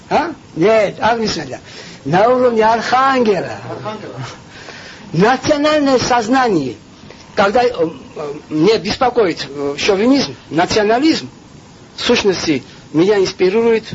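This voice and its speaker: In a dull, lo-fi recording with faint background noise, an animated Georgian man with a high voice lectures on spiritual matters with passion, emphasizing points while often hesitating and posing rhetorical questions.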